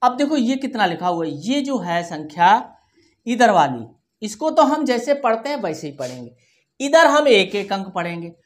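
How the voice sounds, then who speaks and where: With a medium-pitched, sing-song voice at normal speed, a woman teaches children a primary school maths lesson. She patiently repeats each number digit by digit and keeps checking whether they follow with "theek hai."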